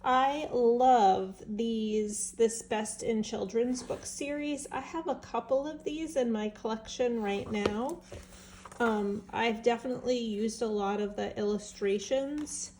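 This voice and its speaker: A woman's voice: fairly high pitch, slow, a little mellow, slight background noise. A woman with a stuffed-up nose, chatting casually and enthusiastically as she shows off an estate sale book haul. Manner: chatty, enthusiastic, musing aloud with fillers. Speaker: vintage seller showing an estate sale haul. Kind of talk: casual show-and-tell vlog.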